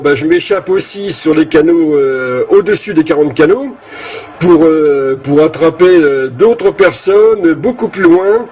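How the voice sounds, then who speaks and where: A man speaking over a CB radio link as a radio operator, explaining things at an easy pace with many fillers and restarts. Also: a little high. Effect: heard over a CB radio link. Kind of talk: casual explanatory radio chat. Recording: muffled lo-fi CB audio with faint hiss.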